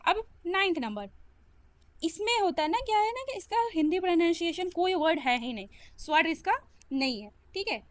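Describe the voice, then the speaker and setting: A woman's voice: very high voice, sing-song, normal speed, no room sound. A young woman giving a casual step-by-step lesson, patiently repeating each sound and stroke and encouraging her viewers as a learner herself. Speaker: self-taught learner sharing lessons.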